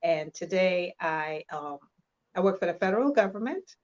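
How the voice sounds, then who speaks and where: A woman's voice: on the low side, animated, darkish tone. Woman on lo-fi call audio. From Trinidad and Tobago. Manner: measured and sincere, with frequent filler pauses. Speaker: interview guest. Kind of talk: personal testimony in an interview.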